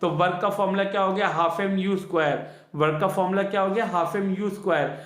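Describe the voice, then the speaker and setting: A man's voice: sits high, steady tone, fast talker, reverberant. A male science teacher giving a classroom physics lesson, asking the students questions and repeating each key answer twice, with on the terms.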